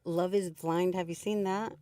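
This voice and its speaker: A woman's voice: fairly low pitch, fairly even intonation, moderate pace, dark tone, dry recording, studio quality, recorded from a distance. Middle-aged woman chatting, slightly off-mic. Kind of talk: casual conversation.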